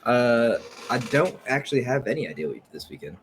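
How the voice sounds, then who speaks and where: An American man co-hosts a casual podcast remotely from home on a home podcast mic, joking often, laughing easily and swearing freely. His mid-range voice moves fast with big pitch swings. The recording has a little hiss or hum.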